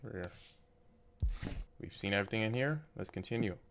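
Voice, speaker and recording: Over background game music, a gameplay narrator reads the on-screen text out loud and offers tentative, casual musings. He's a man with a fairly low, fairly bright voice, animated and at a moderate pace.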